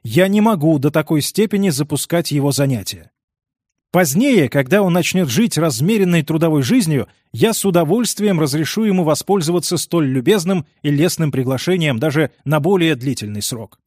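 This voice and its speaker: A man's voice: fairly high pitch, lively intonation, normal speed, darkish tone, dry recording. A man reading the part of a strict middle-aged uncle who speaks curtly and dryly. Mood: stern. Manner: curt, dry, reluctant.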